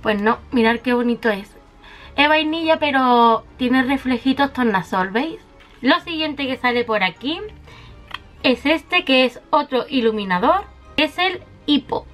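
A high-voiced woman from walks her viewers through a makeup haul, chatty and affectionate, piling on little diminutives as she shows each item. Faint music plays softly behind her. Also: lively intonation, unhurried. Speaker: beauty vlogger.

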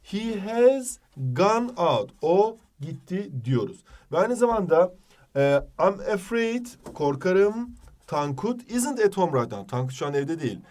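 Man, turkish accent, high voice, joking teacher, a bit off-mic. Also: very animated, a little mellow, recorded from a distance. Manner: jokey, switches between Turkish and slow English phrases. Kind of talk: exam-prep lesson.

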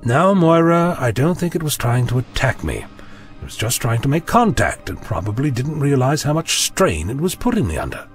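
A man's voice: medium pitch, big pitch swings, moderate pace, faint music behind, close to an everyday voice. A man playing an eccentric time traveller in a sci-fi audio drama, theatrical and polite in his wordy speech. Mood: calm, confident. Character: eccentric male time-travelling Doctor, polite and stubbornly confident.

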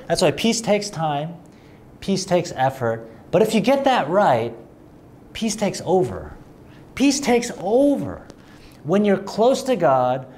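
A man preaching a sermon in a conversational way, mixing emphatic rising lines with self-deprecating humor. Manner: animated, rising emphatic pitch.

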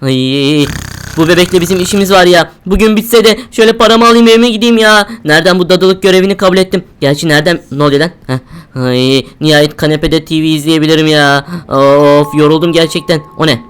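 A woman's voice: low voice, brisk, clean tone. A young woman giving jumpy, exclaiming commentary on a horror game, talking to herself as she plays. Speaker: game streamer.

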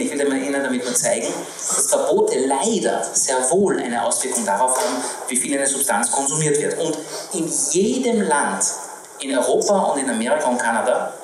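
An emphatic, fast-talking man in his forties, a physician from Iran, argues his point on a panel stage. The sound is roomy and echoing, picked up from some distance. A live audience is heard around him. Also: medium pitch. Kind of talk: public panel debate. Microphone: handheld mic. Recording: echoey room, mic heard from a distance, audience noise.

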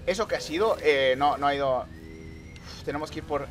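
A man streaming live gameplay commentary, excitable, muttering one moment and shouting the next. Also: fairly high pitch, normal speed, slight background noise. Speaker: gaming streamer.

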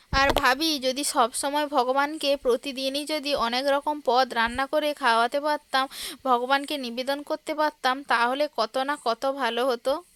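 High-voiced woman chatting through her household day. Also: a little hiss or hum. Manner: gentle, chatty, speaks to viewers as "you". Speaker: home vlogger. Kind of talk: casual devotional home vlog narration. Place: home kitchen.

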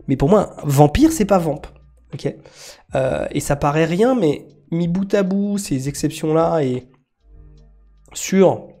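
Chatty man streaming, mellow voice. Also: on the high side. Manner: thinks aloud with many fillers and restarts, answers chat. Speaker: memory sports streamer. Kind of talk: live-stream teaching chat.

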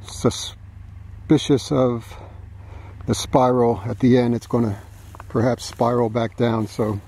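Guy flying a model plane in a field, talking slow and easy, kinda dark mellow tone. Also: mid-range voice, husky. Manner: relaxed, thinking aloud with fillers. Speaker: model aircraft flyer. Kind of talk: casual running commentary. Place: open grassy field outdoors.

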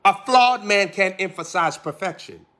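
A man a sermon in a fairly high, bright and forceful voice. He builds his points through rhythmic repetition, firing question after question at his listeners. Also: moderate pace. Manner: preaching with rhythmic repeated phrases and pointed questions. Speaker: preacher.

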